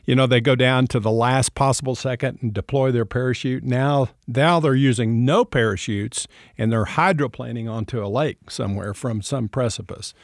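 A man's voice: mid-range voice, normal speed, few pauses, no echo. Affirming male host, dry close sound. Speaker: podcast host. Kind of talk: reflective faith conversation.

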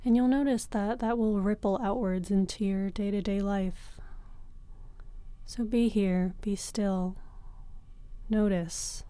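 Slow, soft-spoken woman guiding meditation. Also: mid-range voice, steady tone, no room sound. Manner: slow, soft and soothing, with long pauses. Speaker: yoga and meditation teacher. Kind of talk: guided breathing meditation.

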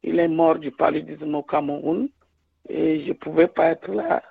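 A woman calling in to a radio show over a phone line, speaking haltingly with many restarts. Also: low-pitched, fairly even intonation, creaky, slightly rough, no echo. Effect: caller heard over a phone line. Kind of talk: call-in testimony.

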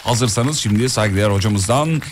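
A man's voice: on the low side, moderate pace, a little hiss or hum. A man hosting a morning radio show, bantering in a playful, joking way with his co-host.

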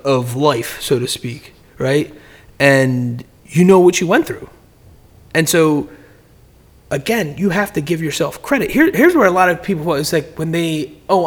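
On a casual podcast, a man with a fairly high voice rambles through business advice. He often repeats words and starts sentences over.

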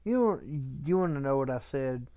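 A man with an average-pitched voice co-hosts a casual podcast. He talks in folksy, colloquial phrases, bantering and spinning small stories as he goes. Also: animated, normal speed, dark tone. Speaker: podcast co-host.

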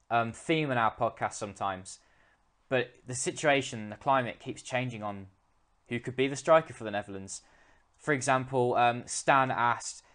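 Podcast host reading listener questions. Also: male voice, medium pitch, a bit bright. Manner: conversational, reads questions aloud with hesitant fillers. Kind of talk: casual podcast discussion.

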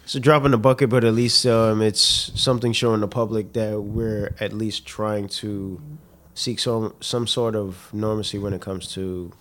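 A man co-hosting a casual podcast, making blunt quips and measured serious points. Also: on the low side, little pitch movement, a bit bright. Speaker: podcast co-host.

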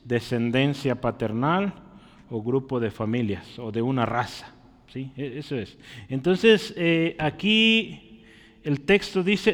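Slightly high and a bit bright, a man's voice fills a church as he preaches, teaching and regularly quizzing the congregation with short questions. Long church reverb trails his words.

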